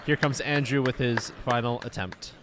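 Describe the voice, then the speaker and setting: Easygoing guy co-hosting a powerlifting stream, mid voice, crowd loud behind him. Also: medium pitch, fairly even intonation, normal speed, heavy background noise. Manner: upbeat, laughs easily, builds hype for lifters. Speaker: meet commentator. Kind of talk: live powerlifting commentary.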